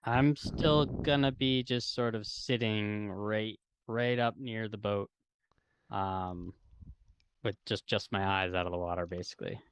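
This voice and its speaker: A man at a tabletop game describes his move in a low, very slow, hesitant voice. Faint noise hums behind him. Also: fairly even intonation, low-quality recording. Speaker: player.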